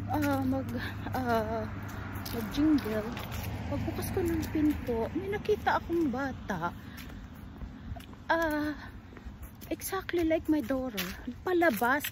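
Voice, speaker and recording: A middle-aged woman telling a personal story in a casual vlog, halting and hesitant with many pauses, switching languages mid-sentence. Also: sits high. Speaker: vlogger. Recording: steady background noise.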